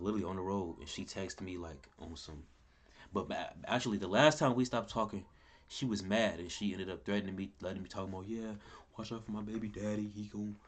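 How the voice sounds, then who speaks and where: Young man telling a story, slightly low voice. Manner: rambling, repeats himself, heavy profanity; pitch and loudness jump wildly when he quotes or reacts. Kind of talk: casual story time vlog. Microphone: camera mic at close range.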